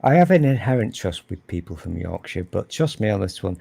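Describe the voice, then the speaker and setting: A man's voice: lowish voice, big pitch swings, a little fast, creaky, dark tone, husky, no room sound. A man chatting as a guest on a video call, joking and teasing the others playfully. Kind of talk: casual chat.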